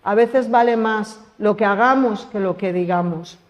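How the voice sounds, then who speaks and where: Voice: mid-range voice, a little slow, muffled recording. Preacher from Spain in a reverberant church. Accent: Spain Spanish. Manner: conversational, asks the congregation questions. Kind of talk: sermon.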